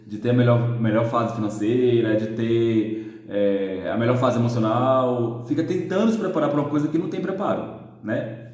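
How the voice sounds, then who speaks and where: Man, 30s, thoughtful interview talk, mellow dark tone, very echoey room on a phone. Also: medium pitch, moderate pace. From Salvador, Bahia, Brazil. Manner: thoughtful, searching for words. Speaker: adoptive father interviewee. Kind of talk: documentary interview.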